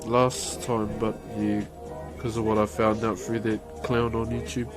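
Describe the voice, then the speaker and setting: A man's voice: fairly low pitch, level tone, unhurried, music in the background. A man with a broad New Zealand accent, chatting casually as a live streamer and answering viewers in a colloquial, matey way. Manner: laid-back and colloquial, peppering talk with "bro" and "eh".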